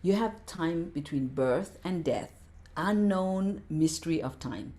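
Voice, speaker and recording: A woman's voice: on the low side, animated, slow pace, mellow. A middle-aged woman, a meditation teacher, talking with passion as a podcast guest and repeating words for emphasis. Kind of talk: casual interview talk.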